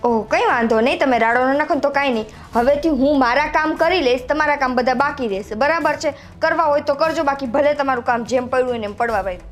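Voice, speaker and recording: A woman's voice: sits high, fast talker, hardly any pauses, soft background music, close to an everyday voice. A young woman playing a fed-up, overworked younger daughter-in-law who complains sharply. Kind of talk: family drama acting.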